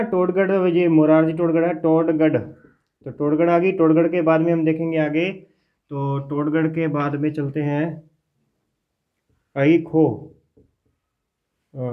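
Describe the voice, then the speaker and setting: A man teaching a geography class in a casual lecture style. He dictates lists and repeats each name slowly for his students. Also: fairly high pitch. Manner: talks informally to students while teaching. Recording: dull lo-fi classroom recording.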